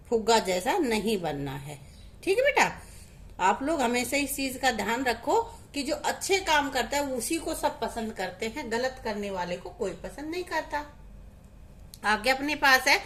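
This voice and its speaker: A primary school teacher with a sharp, rather high voice leads a lesson for young children. Patient and coaxing, she calls the pupils beta and poses questions she then answers herself.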